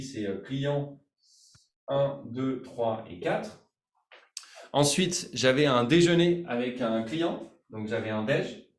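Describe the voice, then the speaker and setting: A man's voice: mid-range voice, reverberant. A man hosting a live online sales training, chatty and informal, hesitating often with fillers.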